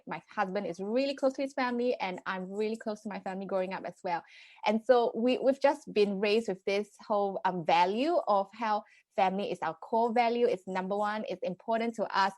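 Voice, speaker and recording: A woman's voice: mid-range voice, dry recording. A woman in her thirties from Singapore, a parenting coach earnestly explaining her ideas as a podcast guest. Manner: earnest, many fillers and restarts. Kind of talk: conversational podcast interview.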